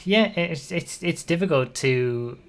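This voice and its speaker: A man co-hosts a casual podcast, thinking out loud in long strings of clauses. He repeats words as he searches for his point. His sentences often trail off quietly. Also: a little high, expressive, takes it slowly. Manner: musing, repetitive, trails off softly. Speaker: podcast co-host. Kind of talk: casual chat.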